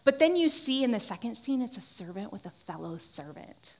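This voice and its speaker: A woman's voice: on the high side, brisk, creaky. A young woman teaching a Bible lesson in a casual, conversational way, acting out the reactions of people in the story. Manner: animated, conversational, acts out quoted reactions.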